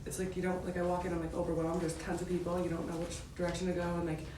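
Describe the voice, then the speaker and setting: A woman's voice: on the low side, monotone, rapid-fire, dark tone. A woman in her twenties taking part in a focus group, chatty with lots of "like". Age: 20s. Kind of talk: casual chat. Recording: echoey room from far off, background noise.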